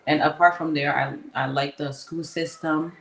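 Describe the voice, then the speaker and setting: Woman, flat-toned, in a roomy studio. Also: low-pitched, gravelly, a little hiss or hum. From Liberia. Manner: measured, fills pauses with um and like. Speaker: interview guest. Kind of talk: conversational interview answers. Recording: roomy studio with faint ambience.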